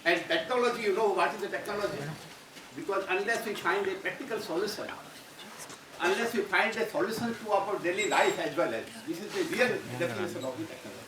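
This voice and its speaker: In a lecture hall, a man guest-lecturing at a university rambles and keeps restarting his phrases. His voice sits high and he talks quickly. A distant mic picks up a roomy sound and audible background noise.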